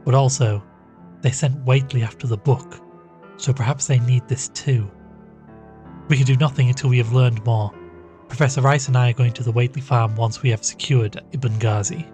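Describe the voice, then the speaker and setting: In an audio drama, an actor voices an earnest young male investigator who narrates and asks questions in a measured, deliberate, inquisitive way. His voice is natural, medium-pitched, dark, and steady, with a grave, pondering mood over soft background music.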